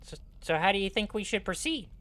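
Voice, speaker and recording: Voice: mid-range voice, lively intonation, a little fast, fairly bright tone, voice pushed up, close to an everyday voice. A player voicing an inquisitive gnome adventurer in a fantasy game, chirpy and eager. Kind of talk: in-character game dialogue.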